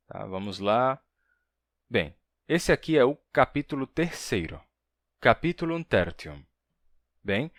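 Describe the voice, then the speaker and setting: A man with a Brazilian Portuguese accent teaching a language lesson. He reads Latin slowly, with playful sound effects. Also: mid-range voice, fairly bright tone, dry recording, clean studio sound. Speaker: language teacher and channel host. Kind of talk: language lesson with a sponsor read.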